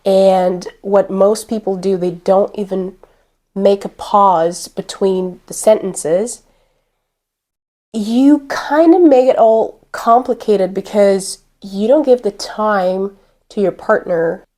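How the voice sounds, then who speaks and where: Deliberate-speaking woman coach. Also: mid-range voice, dark tone. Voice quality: deliberate, clear pacing with pauses. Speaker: accent coach. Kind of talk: instructional talk to camera.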